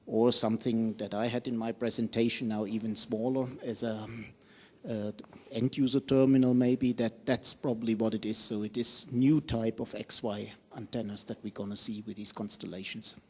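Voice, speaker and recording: A man's voice: on the low side, flat delivery, normal speed, husky. Male panelist explaining, hall reverb. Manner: explanatory, hesitant with fillers. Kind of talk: technical panel discussion.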